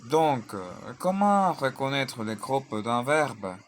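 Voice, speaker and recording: Male teacher, unhurried and methodical, spells endings out, mid-pitched voice, faint room hum behind. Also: very animated. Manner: deliberate, spells out endings letter by letter; drills conjugations in lists. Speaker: language teacher. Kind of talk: French grammar lesson.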